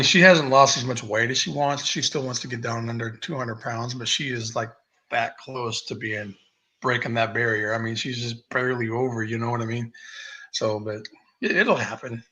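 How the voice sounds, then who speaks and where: A man with a bright, forceful voice speaks as a guest on a relaxed livestream chat. He talks earnestly and with amazement, stringing his thoughts into loose run-on sentences. His pitch sits in the middle range. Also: moderate pace, poor audio.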